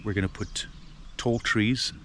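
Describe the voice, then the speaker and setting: A man's voice: lowish voice, fairly even intonation, measured pace, fairly bright tone, a little hiss or hum. A man from South Africa talking casually with lots of fillers as he vlogs outdoors on his farmland. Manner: rambling, with many fillers and restarts. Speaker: vlogger. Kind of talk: casual outdoor vlog talk.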